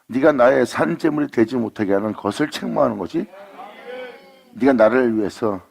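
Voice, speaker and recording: A man preaching a sermon, rising to fervent declarations and slowing to intone scripture. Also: medium pitch, creaky, darkish tone.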